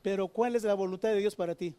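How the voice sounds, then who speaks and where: A man's voice: sits high, fast talker, warm tone. A man preaching a sermon, asking the congregation questions and repeating phrases for emphasis. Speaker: pastor.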